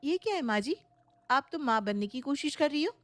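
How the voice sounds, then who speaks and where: A suspicious young bride from an audio storybook snaps back with sarcasm and defiance, voiced by a woman. Her voice sits a little high. The recording is dry and close, with no room sound. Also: animated, fairly quick, no echo, soft background music. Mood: defiant.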